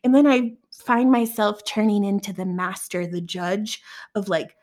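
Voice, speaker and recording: A woman's voice: medium pitch, a little slow, a little mellow. A woman co-hosting a podcast, talking candidly and reflectively in casual chat, with many filler words.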